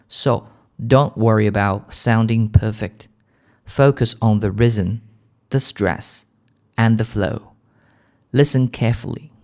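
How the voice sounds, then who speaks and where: A man with a British accent leading a shadowing lesson for English learners in a calm, gentle, clear manner. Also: lowish voice. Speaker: English teacher.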